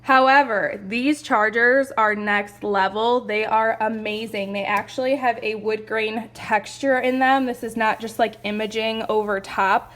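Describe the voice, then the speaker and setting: A young woman chatting excitedly through a home decor haul, gushing and a little out of breath. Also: fairly high pitch, measured pace, hardly any pauses. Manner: gushing, chatty, lots of "like" and "you guys". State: a bit out of breath. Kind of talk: casual haul video.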